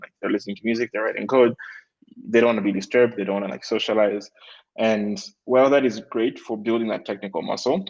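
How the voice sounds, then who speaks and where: Low flat gravelly-voiced man from Malawi. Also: fast, dull audio. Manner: relaxed, many fillers like "like" and "um". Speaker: guest, tech executive. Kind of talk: casual interview talk.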